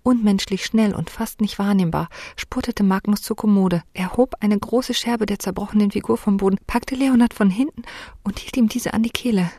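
A woman narrating a story in the first person, in a hushed voice that often sinks near a whisper. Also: mid-range voice, moderate pace, dry recording, clean studio sound. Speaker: audiobook narrator.

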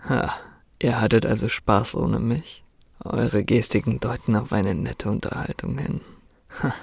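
A cruel, cocky young man, put on by a woman narrator in a dark storybook reading. His voice sits low and gravelly, a little husky, and he sneers and laughs at everyone. The recording is dry and close. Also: steady tone, a little slow, no room sound, full character voice. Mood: amused. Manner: sneering, laughing, drops to a soft menacing whisper.

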